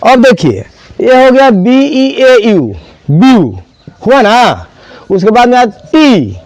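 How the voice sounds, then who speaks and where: A man's voice: very high voice, a little mellow, no room sound. A man teaching an English grammar class, spelling words out and quizzing students. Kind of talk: classroom lesson.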